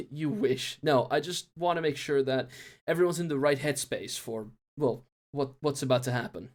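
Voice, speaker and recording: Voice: medium pitch, normal speed, darkish tone, natural voice. A voice actor voicing an earnest, jumpy, teasing lead character in a game.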